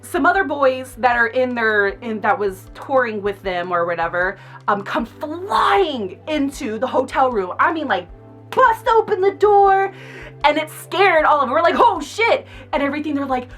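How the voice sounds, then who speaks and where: A high, bright young woman spins a casual vlog storytime, her pitch leaping around as she talks. She is outspoken and laughs often, with faint music under her voice. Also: expressive, normal speed, hardly any pauses. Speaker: makeup artist vlogger.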